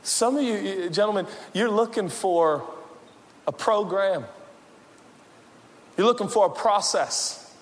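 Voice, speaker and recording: A man preaching a sermon as pastor, swinging from loud shouts to hushed, low passages. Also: slow, pauses often, in a large hall. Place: church sanctuary.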